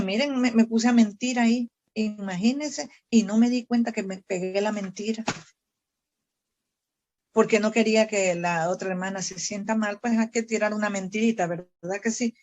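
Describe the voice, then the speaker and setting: A woman's voice: medium pitch, a little mellow. A woman missionary teaching a Bible study, earnest and fervent, often asking her listeners questions directly. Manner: earnest, fervent preaching with prayers spoken aloud.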